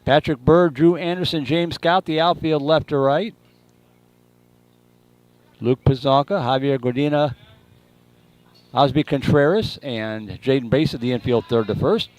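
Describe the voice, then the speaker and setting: A man's voice: a little slow, long pauses, a little mellow, low-quality recording. A man doing live baseball play-by-play in an announcer voice. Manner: announcer voice calling pitches and plays. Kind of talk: live sports commentary.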